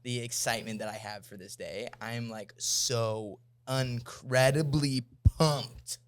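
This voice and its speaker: A man co-hosting a podcast in casual chat, excitable and rambling with lots of fillers. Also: mid-range voice, takes it slowly. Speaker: podcast co-host.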